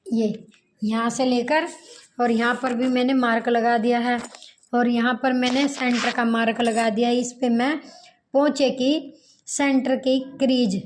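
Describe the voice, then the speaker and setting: A woman teaching tailoring in a slow, repetitive sewing tutorial, counting measurements aloud as she cuts fabric. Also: a little high, steady tone, slight background noise, low-quality recording.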